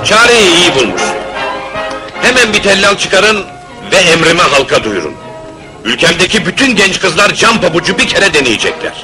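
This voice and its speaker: Commanding king, man, high animated voice, declamatory, old film soundtrack, loud orchestra. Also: moderate pace, loud music behind the voice. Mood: approving, commanding. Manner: authoritative, declamatory. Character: commanding fairy-tale king issuing royal orders. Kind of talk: fairy-tale film acting.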